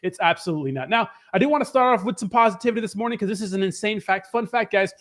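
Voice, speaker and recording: A man hosting a casual live stream with a slightly hoarse voice, hyping things up and greeting viewers in informal slang. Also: sits high, racing. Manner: upbeat, informal hype with slangy shout-outs.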